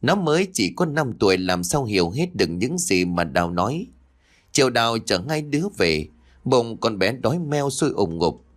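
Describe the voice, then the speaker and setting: A man narrating a ghost story in a lively storytelling manner, switching voices for the quarrelling characters. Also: mid-range voice, normal speed. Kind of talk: storytelling narration with acted dialogue.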